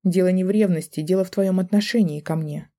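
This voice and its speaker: A tearful, defiant young woman as a man puts her on in an audiobook, snapping back in a raised, strained voice. Her tone sits dark and mellow despite the lifted pitch. The delivery is shrill and hurt. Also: steady tone, fast talker, natural voice. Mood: reproachful. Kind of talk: audiobook character voice.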